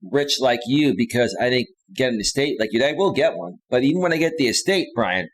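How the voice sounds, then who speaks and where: On a low-quality recording, a man talks a little fast with lively intonation at a medium pitch. He's hosting a live stream, chatting casually and off the cuff with slangy, repetitive, insistent direct address.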